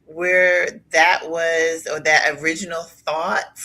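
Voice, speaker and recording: A woman talking in a casual live chat, animated and quick to laugh, acting out her own past thoughts as she speaks. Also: sits low, rough recording. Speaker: co-host in a live conversation.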